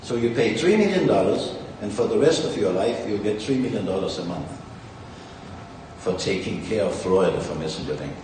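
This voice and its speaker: Speaking brisk and lively in a lowish, darkish voice, this Danish company founder boasts and rambles through a conference speech. The recording comes from a distant mic in a big, echoey hall, with faint ambience and slight hiss or hum.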